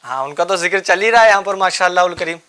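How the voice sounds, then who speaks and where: A man hosting a children's religious show, coaxing the kids with repeated questions and gentle teasing. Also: high voice, smooth. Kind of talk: quizzing children in a studio class.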